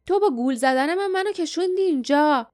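A woman voicing a defiant young man, angry and hurt, shouting in a high, sharp voice. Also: expressive, no echo, studio quality.

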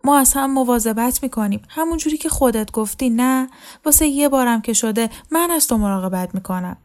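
A woman voicing a desperate young woman who pleads tearfully in a higher voice, in a storybook reading. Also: dark tone, lightly acted. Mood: pleading. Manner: pleading, pitched up.

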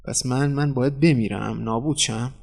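A man's voice: mid-range voice, gravelly. Man doing an outraged painter. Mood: dismayed. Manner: outraged, shouting. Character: furious indignant middle-aged male painter.

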